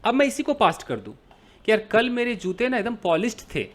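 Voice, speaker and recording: A man's voice: high voice, very animated, a little fast, a bit bright. A man teaching an English grammar lesson in Hindi, explaining with everyday examples and asking and answering his own questions.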